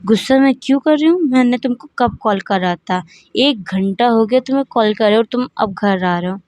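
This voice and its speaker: A woman's voice: a little high, steady tone, darkish tone, no room sound, lightly acted. A woman voicing a strict mother who nags and scolds her grown son with sarcasm. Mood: scolding. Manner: nagging, sarcastic, quick-tempered.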